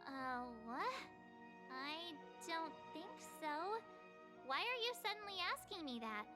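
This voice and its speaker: A woman's voice: very high voice, animated, slow pace, heavily acted. A woman voicing a casual, curious, girlish young traveler in a video game. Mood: curious, puzzled. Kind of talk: English video game voice acting. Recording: music behind the voice.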